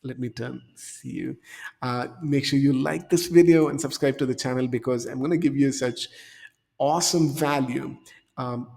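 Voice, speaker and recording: A man's voice: medium pitch, gravelly, darkish tone, long reverb tail. A man in his thirties giving an upbeat screen-share tutorial as a career coach, coaxing viewers along with a frequent "okay?", speaking into a desk mic in a small room. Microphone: desk mic in frame.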